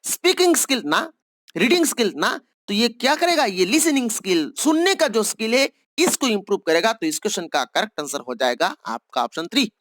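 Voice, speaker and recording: A woman teacher in an exam-prep lecture, patiently walking through each answer option and reading questions out slowly before explaining them. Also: on the high side, very animated, a bit bright, dry recording.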